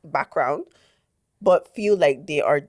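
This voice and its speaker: Young woman, casual co-host, lowish voice, dry close sound. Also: slow pace, dry recording. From Dutch Caribbean islands. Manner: chatty, animated, slangy. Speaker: podcast co-host. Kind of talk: casual podcast chat.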